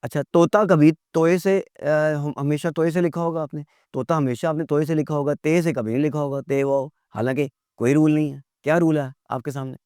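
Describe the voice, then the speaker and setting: A male teacher lectures in a slightly high voice, asking rhetorical questions and answering them himself. He slows down to spell words out letter by letter. The sound is dry and close, with no room echo. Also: fairly even intonation, darkish tone, clean tone.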